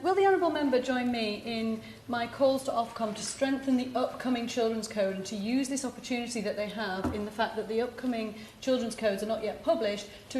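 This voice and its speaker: A woman's voice: on the high side, darkish tone. A woman, a member of parliament, making a formal, advocating intervention in a debate. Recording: echoey room, faint background noise.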